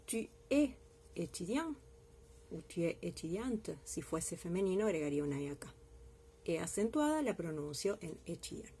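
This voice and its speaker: A woman teacher with a mellow, warm voice explains each point patiently and step by step. She often checks in with her students as she goes. It sounds like a recorded lesson with a soft, faint hiss behind her. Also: fairly low pitch, lively intonation, normal speed. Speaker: French teacher.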